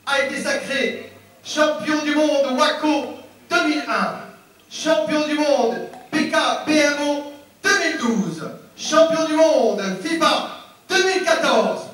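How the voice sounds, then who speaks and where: High, forceful male fight announcer, echoing. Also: slow pace. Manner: booming showmanlike delivery, like a fighting game announcer. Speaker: ring announcer at a kickboxing event. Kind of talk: fight announcer introductions, names drawn out and shouted. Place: indoor fight venue over PA system. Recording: very echoey arena PA, distant.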